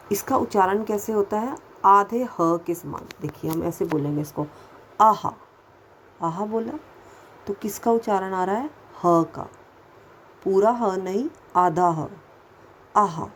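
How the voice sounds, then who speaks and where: A woman's voice: mid-range voice, a little hiss or hum, poor audio. A woman teaching a first-grade lesson to children, speaking patiently, repeating sounds and asking questions as she goes. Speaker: Hindi teacher.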